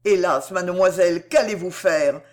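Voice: mid-range voice, moderate pace, lightly acted. A reader voicing a sorrowful man in an audiobook, protesting in a sad way. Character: sorrowful loyal man, a worried brother. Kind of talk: audiobook reading.

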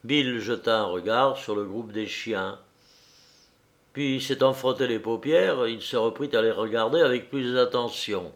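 A man reading a novel aloud in a measured, deliberate audiobook narration. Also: mid-range voice.

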